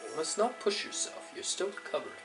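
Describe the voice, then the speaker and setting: A gentle old father speaking quietly and breathily, voiced by a man. He keeps his tone low-key and caring. Game music plays clearly in the background. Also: sing-song, fast.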